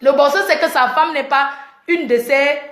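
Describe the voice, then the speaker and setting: A woman with a high-pitched voice delivers a defiant livestream rant to her followers. She sounds boastful and keeps firing taunting questions back at them. The room around her is roomy and echoey. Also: normal speed, fairly bright tone. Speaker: social media personality. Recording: roomy echo.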